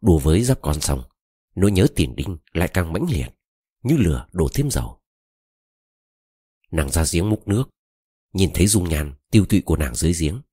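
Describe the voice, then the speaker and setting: A man narrating a novel as an audiobook with expressive storytelling, read close to the mic. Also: low-pitched, moderate pace, pauses often, breathy edge, dry recording. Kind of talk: dramatic novel reading.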